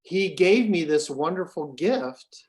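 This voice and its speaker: A man's voice: fairly high pitch, expressive, slow, darkish tone. A man co-hosting a casual chat over a video call, rambling and hesitant with many fillers. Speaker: co-host.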